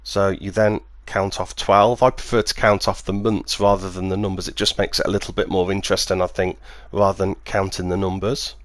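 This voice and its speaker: A man speaking as a magician, demonstrating and explaining a card trick step by step in clear, measured phrases. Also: deep voice, flat delivery, no echo, clean studio sound. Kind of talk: instructional demonstration, patter and explanation.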